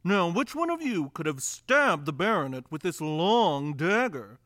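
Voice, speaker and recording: A man's voice: on the high side, sing-song, unhurried, fairly bright tone, no echo, studio quality. An actor playing a pompous, bossy theatre director who stars as the detective in his own play. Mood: theatrical.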